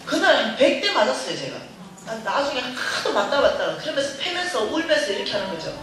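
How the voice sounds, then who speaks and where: Woman, church revival speaker, animated storytelling, frequent laughter, distant mic, roomy hall, faint noise. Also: high voice, fairly quick. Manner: animated storytelling, laughing often, acting out dialogue. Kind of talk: humorous testimony sermon. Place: church sanctuary. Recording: echoey church hall from far off.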